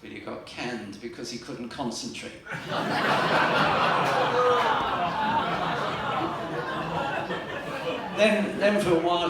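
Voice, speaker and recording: Older guy doing standup, gravelly voice, echoey room, picked up from far off with noise. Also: mid-range voice. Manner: dry joke-telling with pauses and fillers. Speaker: stand-up comedian. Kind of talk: stand-up comedy at a live event. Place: library fundraiser event room.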